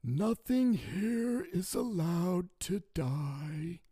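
A man putting on a frail old man, slow and weak. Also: sits high, animated, mellow, slightly rough, dry recording, pitched above the performer's own voice, full character voice. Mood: grim. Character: frail, weary old man in a cursed town.

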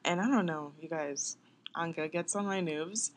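Young woman podcaster, kinda low voice, rambling casual chat, laughs a lot. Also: normal speed. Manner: chatty, laughs often, trails off with "like". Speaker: podcast co-host.

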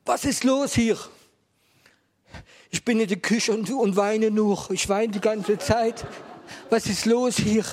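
A man putting on a shrill, crying innkeeper woman. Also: fairly even intonation, slow pace, long pauses. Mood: tearful, bewildered. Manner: high-pitched, loud, exclaiming. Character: distraught, tearful woman innkeeper.

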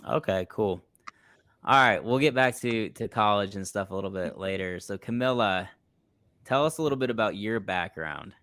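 Low-voiced man hosting a casual chat. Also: normal speed, clear, resonant tone, dry recording. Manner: relaxed, storytelling, laughs often. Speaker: podcast host.

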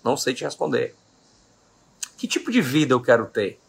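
With a mid-range, gravelly voice that has a breathy edge, a very animated Brazilian business owner in his late thirties speaks at a moderate pace. He gives an emphatic motivational talk to his live-stream audience and keeps repeating his key questions.

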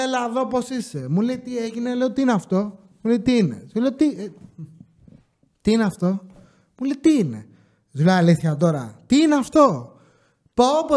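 A man hosting a podcast, telling a funny personal story in a casual, animated way and acting out the dialogue. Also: high voice. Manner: animated, acts out quoted dialogue. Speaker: podcast host.

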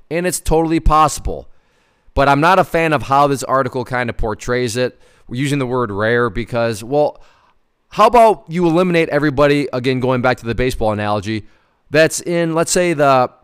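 A personal finance host in his 30s comments informally on an article, reading some of it aloud and stressing points emphatically with repeated words. He has a medium-pitched, clean-toned voice and a conversational manner.

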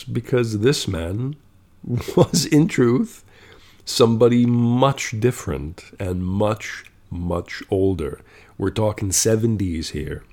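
A man's voice: on the low side, darkish tone. A man telling a story in a casual monologue, blunt and profane, growing exasperated and checking in with "okay?".

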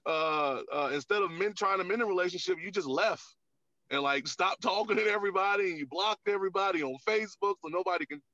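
A man's voice: high-pitched, quick pace, sharp tone, dry recording. A man, a comedian guest on a podcast, talking candidly in casual chat with lots of filler words. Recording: dull, lo-fi, dry sound.

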